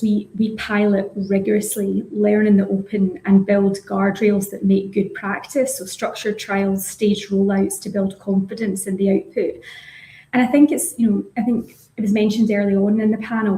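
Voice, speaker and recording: Mellow woman panelist in echoey room. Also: medium pitch, little pitch movement, moderate pace. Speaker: legal professional, panelist. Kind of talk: explanatory panel talk.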